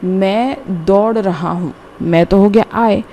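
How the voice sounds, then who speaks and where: A woman teaching a grammar lesson, explaining slowly and deliberately word by word, with frequent repetition. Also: medium pitch, mellow. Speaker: English teacher. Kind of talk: classroom-style grammar lesson.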